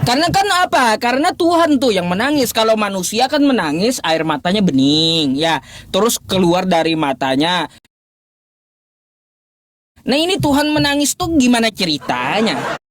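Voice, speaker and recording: A man's voice: high voice, big pitch swings, fairly bright tone, slight background noise. Man firing mocking rhetorical questions. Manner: pauses, restarts and fumbles with his laptop. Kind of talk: live-streamed religious debate.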